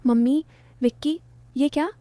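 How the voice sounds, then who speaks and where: A woman voicing an emotional young married daughter who speaks in a bright, excited way. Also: sits high, a little slow, no room sound, pitched above the performer's own voice. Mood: shocked.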